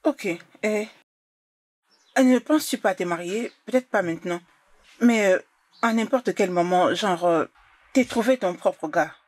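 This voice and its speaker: A woman's voice: medium pitch, unhurried, pauses often, a little mellow, no echo, lightly acted. An actress dubbing a stern, confrontational young woman in a drama, speaking insistently. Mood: cold. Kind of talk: dubbed drama dialogue.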